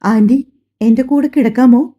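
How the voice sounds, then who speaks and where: A woman's voice: fairly high pitch, a little slow, dark tone, natural voice. A woman voicing a sleepy, sick little boy who mumbles drowsily and pleads, in an audio drama on slightly dull lo-fi audio.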